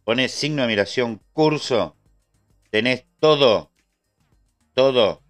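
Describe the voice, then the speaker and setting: Taking it slowly, a man with a medium-pitched, fairly bright voice and an Argentine accent chats on a casual live trading stream. Soft music plays in the background as he answers viewers' messages and thanks subscribers.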